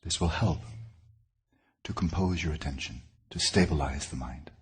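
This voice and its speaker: Rumbling low and slightly rough, this male teacher guides a meditation in deliberate, unhurried phrases broken by pauses.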